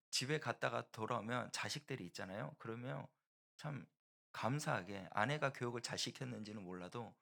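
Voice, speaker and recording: A middle-aged man from South Korea preaching a sermon as pastor, earnest, slowing and swelling loud on key phrases. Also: medium pitch, vocal fry.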